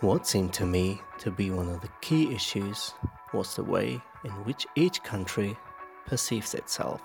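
A man narrates his podcast from a script in a measured, reflective way. His voice is gravelly and sits a bit low. Clear music runs underneath. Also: lively intonation.

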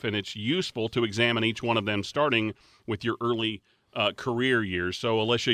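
A man's voice: mid-range voice, bright, forceful tone, dry recording. An older man hosting a panel chat, leading the questions with an upbeat manner and sports comparisons. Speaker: show host.

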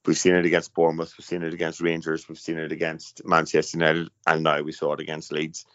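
A man's voice: rumbling low, monotone, fast talker, a bit bright, no echo. A man hosting a casual football podcast in an informal, emphatic way. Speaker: podcast host. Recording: dull lo-fi podcast sound, dry.

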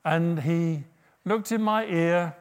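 Slow-spoken man preaching. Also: on the high side. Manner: humorous, asks the listeners questions. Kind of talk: sermon.

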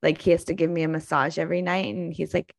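A woman in her thirties with a low, gravelly voice, co-hosting a casual podcast. She tells stories in a chatty way and livens up when something amuses her. The sound is dry and close to the mic. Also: little pitch movement, fast, dry recording. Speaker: podcast co-host. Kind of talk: casual chat.

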